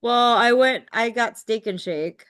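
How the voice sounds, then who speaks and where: A woman's voice: fairly high pitch, measured pace, a bit bright, no room sound, clean studio sound. A young woman co-hosting a podcast, chatting in a laid-back way, laughing easily and swearing casually. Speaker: podcast co-host. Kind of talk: casual chat.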